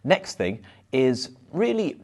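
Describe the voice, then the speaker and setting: A man, a hypnotherapist, talking to camera with self-help advice. He rushes his words and sometimes stumbles or repeats them. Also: mid-range voice, very animated, darkish tone. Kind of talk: motivational advice monologue to camera.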